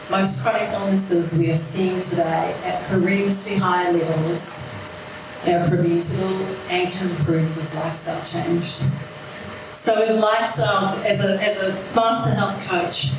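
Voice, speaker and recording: A middle-aged woman, a health coach, giving an earnest and emphatic business pitch at an evening event. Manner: earnest, emphatic, repeats key points. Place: event room. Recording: echoey room, mic far off, noisy.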